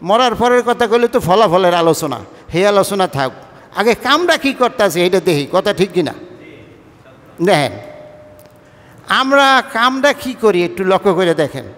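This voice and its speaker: A man's voice: sits high, very animated, normal speed, pauses often, a bit bright, in a large hall. A man from Bangladesh's Barishal region, speaking with a Barishal-tinged Bengali accent, preaching a Friday sermon. He talks conversationally, mixing colloquial and formal speech, and keeps asking the congregation questions. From Barishal-Patuakhali region of Bangladesh. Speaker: imam preaching.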